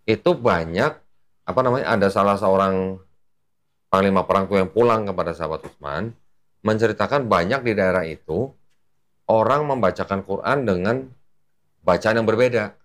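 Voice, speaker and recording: A man's voice: on the low side, normal speed, pauses often, a bit bright. A man, an Islamic preacher explaining at length in casual talk, patient and full of fillers.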